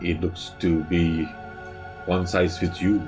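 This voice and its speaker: Deep-voiced man playing a tabletop game. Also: little pitch movement, slow pace. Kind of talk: casual role-play chat. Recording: loud music under the voice. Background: music.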